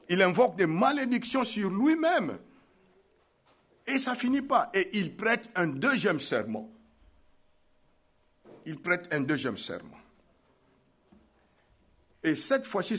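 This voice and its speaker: A man's voice: on the high side, fairly bright tone. A man preaching a sermon, emphatic and repeating his key phrases.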